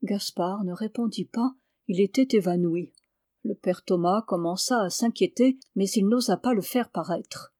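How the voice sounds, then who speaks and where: Calm woman reading a classic novel. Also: medium pitch, normal speed, dry recording, studio quality. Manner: calm, names each speaker before lines. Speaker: reader.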